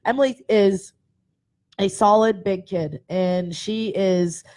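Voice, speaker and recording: A woman in her twenties, a basketball coach answering interview questions in an upbeat, energetic way on a handheld mic. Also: mid-range voice, slow. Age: 20s. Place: indoor studio set with banner backdrop.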